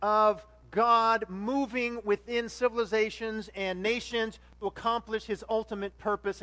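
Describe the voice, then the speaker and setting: A man with a high-pitched voice preaches a relaxed, conversational sermon. He tells his stories animatedly and keeps turning to ask his congregation questions. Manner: animated storytelling, addresses the congregation directly. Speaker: pastor.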